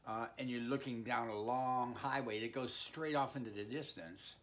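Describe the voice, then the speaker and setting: An older man in his sixties with a mid-pitched voice teaches drawing in an informal, playful way. He talks like a folksy art teacher addressing kids, tossing in sound effects as he works. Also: normal speed, fairly bright tone. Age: 60s. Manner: playful, folksy, with sound words like boom and bing-bang. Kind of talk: informal instructional talk while drawing. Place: indoor room with art on the wall.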